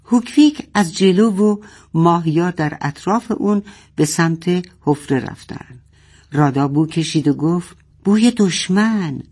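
A woman's voice: low voice, darkish tone. A woman reading a children's story aloud expressively and speaking fondly to her young listeners.

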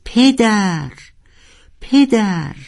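A storyteller voicing a young narwhal who desperately shouts and pleads for its father. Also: mid-range voice, close to an everyday voice. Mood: distraught. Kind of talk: storybook character voice.

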